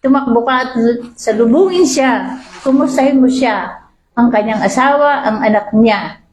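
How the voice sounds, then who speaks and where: A woman preacher giving a lively sermon, reading Bible verses and often asking the congregation "di ba?". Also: a little high, normal speed. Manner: asks the congregation "di ba?" often, animated. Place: church hall. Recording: echoey church hall.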